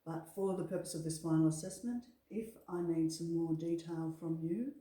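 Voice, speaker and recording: This assessor and trainer speaks in a low, warm, steady voice at a moderate pace. She offers a briefing meant to reassure and encourage, recorded in an echoey room from a distant microphone.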